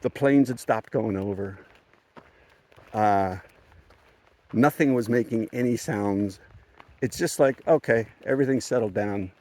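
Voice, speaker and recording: A man's voice: fairly low pitch, unhurried, long pauses, a little mellow. A man casually telling a story on a hiking vlog, rambling and chuckling, with frequent restarts, outdoors on a mountain trail. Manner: rambling, chuckling, self-correcting. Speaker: thru-hiker vlogger.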